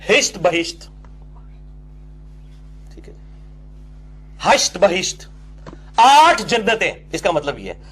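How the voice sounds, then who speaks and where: High-voiced man lecturing emphatically. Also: fairly bright tone. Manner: emphatic, argumentative, often asks and answers his own questions. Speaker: religious lecturer. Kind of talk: religious lecture to an audience.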